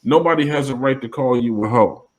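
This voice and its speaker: On a podcast, a male co-host chats casually with emphasis, frequently adding "you know what I mean" to check in. His voice sits at medium pitch with a darkish tone, and he talks a little fast. The audio quality is poor.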